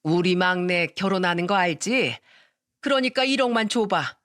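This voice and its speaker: A woman playing a grasping, domineering mother-in-law in a storytelling radio drama, loud and drawn-out as she demands things. Her words stretch slowly and sound a little set back from the mic. The recording is dry. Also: fairly low pitch, lively intonation, no echo. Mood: shrill.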